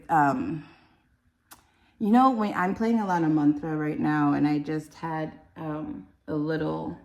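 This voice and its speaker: A woman's voice: low-pitched, darkish tone, echoey room. A woman giving a casual, rambling spiritual card reading, chatty and enthusiastic. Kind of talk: casual tarot-style reading.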